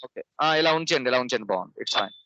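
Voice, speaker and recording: A man speaks very fast on a phone video call, his voice bright and sharp. He repeats short instructions about moving the camera closer. The audio is dull and lo-fi. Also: medium pitch, animated. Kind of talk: casual call giving setup instructions.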